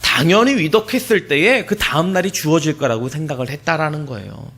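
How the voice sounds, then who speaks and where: Man, pastor, sermon in church, very lively pitch, hushed then shouting. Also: fairly quick, slightly rough. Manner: emotional storytelling, swinging from hushed to shouted.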